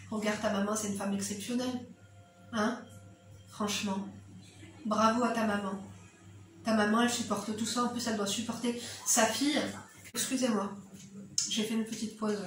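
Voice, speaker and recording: A woman's voice: fairly high pitch, slight background noise. A woman with an eastern Algerian accent giving frank, direct, motherly advice to camera in casual commentary at home. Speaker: YouTuber. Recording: very echoey room, mic at a distance.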